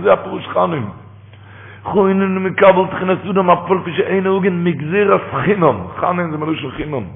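A man with a slightly high, gravelly voice preaches a sermon. He drops to a hushed tone, then builds to loud, impassioned outbursts, and chants quoted verses slowly. The sound is tinny like a phone line, with a long reverb from a large hall. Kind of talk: sermon on scripture.

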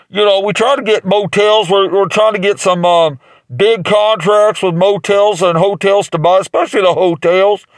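A man's voice: high voice, dry recording. A man improvising a rambling mock infomercial as a salesman, with crude jokes and lots of fillers. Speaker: comic playing a mattress salesman.

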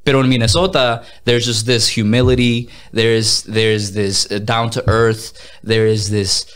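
In a casual interview, a guest who is a Mexican musician in his thirties speaks with a fairly low, smooth voice at a measured pace. Energetic throughout, he repeats words and occasionally switches into Spanish phrases.

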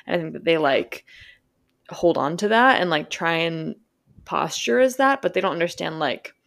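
A woman with a slightly low voice talks casually while stoned. She rambles through her opinions in a frank way, with lots of "like" and some swearing. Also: expressive, moderate pace, creaky, a bit bright.

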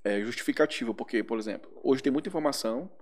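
A man, talking bluntly and with slang in a casual podcast chat. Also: medium pitch. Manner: blunt, slangy, quick talker.

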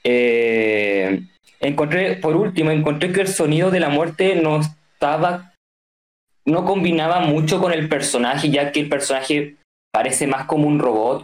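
A man on a podcast reviewing an indie game. He talks casually and pauses often with fillers, giving measured criticism. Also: fairly high pitch. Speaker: podcast co-host reviewing games.

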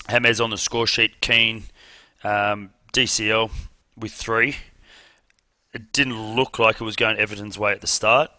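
Chatty bright-voiced male podcast host. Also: fairly low pitch, no echo. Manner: chatty, laughs often, says "mate". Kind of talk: casual football podcast chat.

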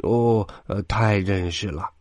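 A man's voice: lowish voice, takes it slowly, darkish tone, no room sound. Brief: grumbling, grudging old dog clerk, a man putting on the voice.

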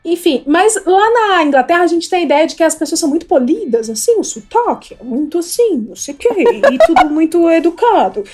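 A woman with a high voice hosts a podcast in a playful, joking way, and she likes to ask a question and then answer it herself. Faint music plays behind her. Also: sing-song, fairly quick, few pauses, darkish tone. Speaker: podcast host. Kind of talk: casual chat.

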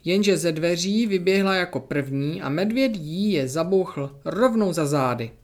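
A storyteller narrating a children's story in a lively, expressive way. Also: mid-range voice, soft background music.

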